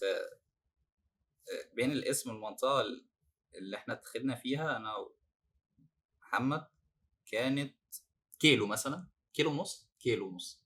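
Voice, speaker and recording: A man with an Egyptian accent, a former detainee telling his story as a podcast guest, animated and laughing now and then. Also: medium pitch. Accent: Egyptian Arabic. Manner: animated, laughs while recounting hardship.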